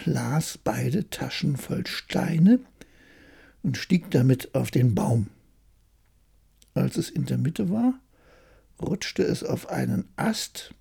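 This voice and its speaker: A storyteller reading a fairy tale aloud calmly as a bedtime story. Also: mid-range voice, creaky, husky. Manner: slow, calm storytelling.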